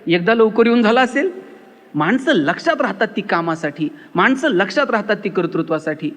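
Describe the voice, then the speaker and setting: Male motivational speaker, emphatic storyteller, high-pitched, heard through long hall reverb. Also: very animated, moderate pace, a bit bright. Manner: emphatic, storytelling, acts out dialogue. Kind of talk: public lecture with acted anecdotes.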